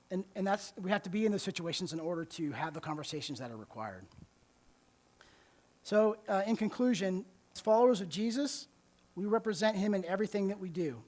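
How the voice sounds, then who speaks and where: A man's voice: high-pitched, darkish tone. Conversational man giving a church talk. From United States. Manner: conversational, repeats words while restarting, checks in with "okay?" and "right?". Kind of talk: sermon-style talk.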